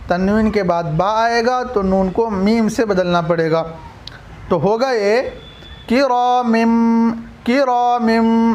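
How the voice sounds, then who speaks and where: A man teaching a Quran reading class in an Indian Urdu-Hindi accent. He recites letters and syllables slowly and drawn out, then explains the rules more quickly. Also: high-pitched, darkish tone. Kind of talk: recorded online lesson.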